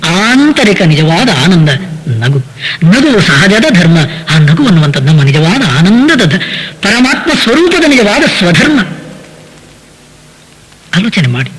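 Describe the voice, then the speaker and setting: High husky guy giving a devotional talk, keeps asking listeners questions, chants verses slow in between. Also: a bit bright, long reverb tail, low-quality recording. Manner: chants verses slowly between spoken explanation; rhetorical questions to listeners, addressing them as sir. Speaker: spiritual lecturer. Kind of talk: devotional discourse on poetic verses.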